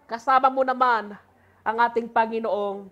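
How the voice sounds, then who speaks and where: High-voiced Filipino woman preaching. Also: fairly even intonation, fairly bright tone, highs cut off. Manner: Taglish, rhetorical "di ba?" questions, slow emphatic reading. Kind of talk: sermon with Bible reading.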